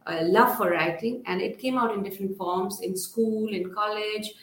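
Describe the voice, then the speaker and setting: A woman's voice: medium pitch, fairly even intonation, normal speed, a bit bright. A middle-aged woman, answering interview questions as a guest author in a hesitant, rambling way. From Srinagar, Kashmir, India. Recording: roomy, echoing sound.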